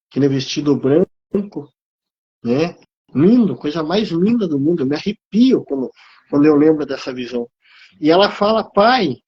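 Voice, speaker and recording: A man's voice: fairly high pitch, husky, highs cut off. A man giving an emotional testimony on a live theology talk, preaching in rising waves of emphasis. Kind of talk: impassioned testimony.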